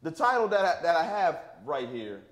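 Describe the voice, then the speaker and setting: A man preaches in a roomy, echoing church sanctuary, his voice sitting a little high for a man. He talks plainly with loose, everyday grammar and keeps pulling the congregation in with "right?" between his points. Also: big pitch swings, moderate pace. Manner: call-and-response, asks the congregation "right?"; plain-spoken, informal grammar. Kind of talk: sermon. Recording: echoey church room.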